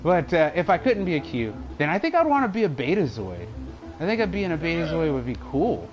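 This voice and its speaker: A man's voice: a little high, wildly swooping pitch, a little fast, soft background music, low-quality recording. A young man streaming a game, chatting in a rambling, casual way and laughing often. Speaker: live streamer. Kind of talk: casual chat while gaming.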